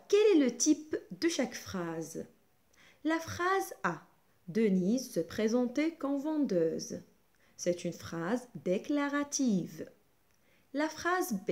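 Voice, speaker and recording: A woman teaching a grammar lesson to young schoolchildren, speaking slowly and clearly with wide swings of pitch. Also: a little mellow.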